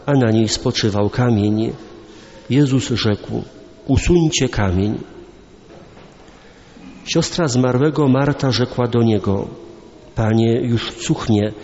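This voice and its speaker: A man reading the Gospel aloud in church, measured and solemn. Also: medium pitch, darkish tone. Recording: dull recording in a reverberant church.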